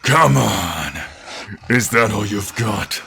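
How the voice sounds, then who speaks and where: Fierce and defiant, a man performs an exaggerated, expressive take on a protective vampire boyfriend, speaking slowly with a sharp tone. His voice stays low, husky and breathy, often dropping to a whisper, as he delivers ornate, old-fashioned lines intimately to the listener. It's romantic audio roleplay recorded on a close binaural microphone.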